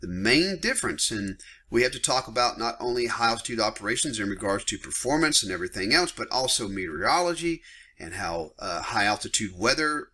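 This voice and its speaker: A man's voice: lowish voice, pushed and bright. A middle-aged man teaching a lesson on pilot regulations, blunt and emphatic, getting worked up and tossing casual asides to his viewers. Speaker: flight instructor. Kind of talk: screen-share lesson on aviation regulations.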